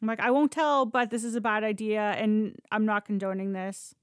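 On a podcast, a Canadian woman tells stories in a casual, candid way, swearing freely and often acting out the dialogue. Her medium-pitched voice is clear and resonant, with fairly even intonation and a moderate pace, recorded dry at studio quality.

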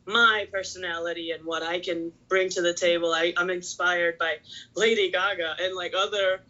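A woman's voice: on the low side, steady tone, moderate pace, bright, forceful tone, lo-fi sound. A woman in her twenties from Puerto Rico, chatting casually as a podcast guest and peppering her talk with "like". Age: 20s. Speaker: pro wrestler, podcast guest. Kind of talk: casual chat.

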